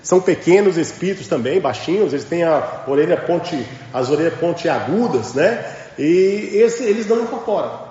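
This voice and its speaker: A man lectures a religious class in an emphatic, questioning way, his voice high and swinging widely in pitch. The recording is dull and lo-fi, and the sound rings through a large echoing hall with a faint hiss underneath. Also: expressive, normal speed, mellow. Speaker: spiritual teacher.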